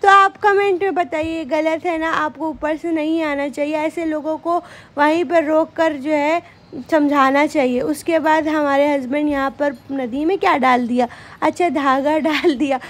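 Young female vlogger, bright high voice, casual chatty narration. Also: steady tone, unhurried. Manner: chatty, addresses viewers as guys.

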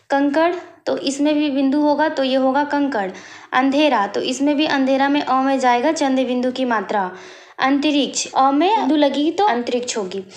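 A woman teacher slowly working through a worksheet, explaining each answer step by step as she writes. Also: sits high, roomy sound. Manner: slow, explaining step by step while writing. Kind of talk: worksheet walkthrough lesson.

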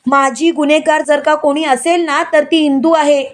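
A woman's voice: sits high, fairly even intonation, normal speed, lightly acted. A woman voicing a resentful older man who gloats over his enemies. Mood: gloating. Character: vengeful older man bearing a grudge.

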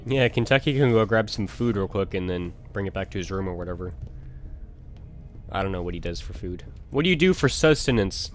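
A young man in casual voice chat while playing a game, excitable and swearing. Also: deep voice, a little fast, faint music behind. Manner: excitable, swears and yells in panic. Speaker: gamer.

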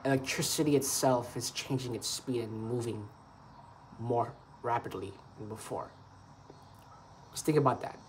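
A man's voice: mid-range voice, moderate pace, long pauses, slight background noise. A man giving an earnest, repetitive, rambling monologue to camera about beatboxing. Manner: earnest, repetitive, loose improvised phrasing. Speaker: beatbox vlogger.

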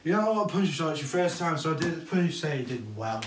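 A man's voice: a little high, animated, fast, a little hiss or hum. A British man coaching two friends at boxing in a casual chat, encouraging them and repeating himself, recorded from a distance in an echoey room. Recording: echoey room, far from mic.

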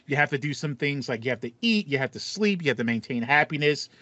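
A fast-talking American podcast host with a bright, forceful, expressive mid-range voice chats about games in a playful, slangy way. He sounds dry, recorded indoors in a small home room with acoustic foam, giving a slightly dull, dry home recording.

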